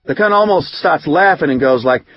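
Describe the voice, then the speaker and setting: A man reading an audiobook, voicing a rough, hot-tempered recovering drinker who rambles in profane street slang. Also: fairly high pitch, animated, moderate pace, dry recording, dull audio. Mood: aggrieved. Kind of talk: audiobook narration.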